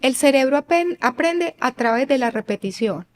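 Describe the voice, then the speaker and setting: Woman, higher voice, expert guest, earnest teaching tone, acts out parents and kids. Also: animated, moderate pace. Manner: earnest and didactic, acting out parents and children; asks listeners rhetorical questions. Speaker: guest expert on child rearing. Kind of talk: explanatory interview talk.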